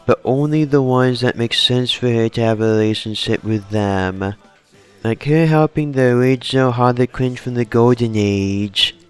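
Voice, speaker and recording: A man casually pitching fan story ideas in long, rambling run-on sentences. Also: clean tone.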